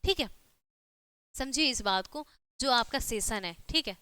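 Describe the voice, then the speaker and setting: A woman gives an online exam-prep lesson, walking through each rule step by step and checking in with her students again and again. Her voice is very clear and bright, slightly higher than usual. The sound is close and dry. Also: lively intonation, measured pace, dry recording. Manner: repeats "ठीक है" and rhetorical questions, explaining step by step. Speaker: teacher.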